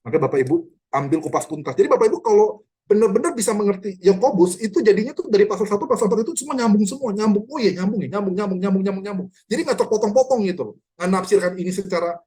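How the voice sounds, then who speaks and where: A man, a pastor, teaching a Bible study online in an animated, conversational way, quizzing listeners by name. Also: high-pitched, very fast, breathy edge. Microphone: online video call.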